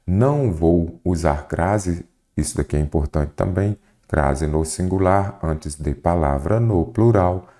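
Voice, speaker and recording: A man's voice: low-pitched, unhurried. A man with a Brazilian Portuguese accent teaching an exam prep grammar lesson, explaining step by step and asking the viewer questions. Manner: didactic, questioning the viewer, lively emphasis.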